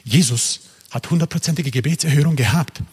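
A man preaching a sermon with impassioned energy, swinging from loud, urgent highs to hushed whispers. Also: animated, normal speed, slightly rough, long reverb tail.

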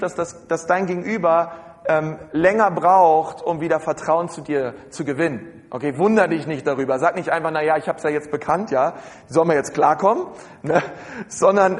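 A man's voice: fairly high pitch, big-room sound. A man preaching a sermon in a conversational way, with many fillers and asides and frequent rhetorical questions to the congregation.

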